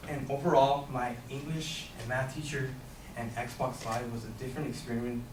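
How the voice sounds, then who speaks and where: A young man giving a halting impromptu speech in class. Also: mid-range voice, fairly even intonation, echoey room, far from the mic, background noise. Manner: halting, loose phrasing. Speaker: student speaker.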